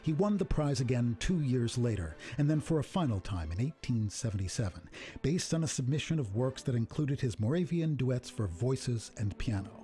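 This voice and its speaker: A man giving a scripted documentary narration about a composer, in a measured, even storytelling manner. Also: mid-range voice, faint music behind. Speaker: program narrator.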